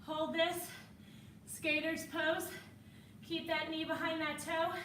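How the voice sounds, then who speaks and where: A woman's voice: very high voice, level tone, takes it slowly, fairly bright tone, reverberant, distant mic, slight background noise. A woman fitness instructor coaching a workout while exercising alongside, encouraging and a little winded.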